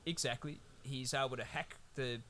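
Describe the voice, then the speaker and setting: Bright-voiced man, rambling chat. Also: medium pitch, steady tone, moderate pace, a little hiss or hum. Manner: rambling, sweary, laid-back. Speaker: podcast co-host. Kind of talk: casual film-review chat.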